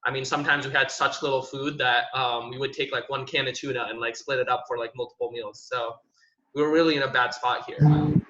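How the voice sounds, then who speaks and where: A young Indonesian tech professional, speaking on an online panel, tells a personal story quickly in a bright, forward voice with a steady, flat pitch. He's relaxed and conversational, constantly filling gaps with "you know" and "um." The sound is roomy and slightly dull, like a video call captured in an echoey room.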